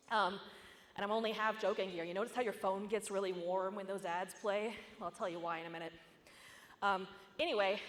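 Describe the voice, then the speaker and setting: A woman's voice: on the high side, a bit bright. Chatty woman giving a conference talk. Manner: casual, conversational, with asides and jokes. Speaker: conference speaker. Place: conference hall. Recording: echoey conference hall.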